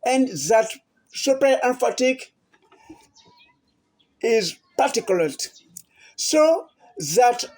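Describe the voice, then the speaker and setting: Slow, halting woman host. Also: fairly high pitch, animated, a little mellow. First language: French. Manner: halting, repeats words and restarts often. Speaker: health channel host. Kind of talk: informal talk to camera.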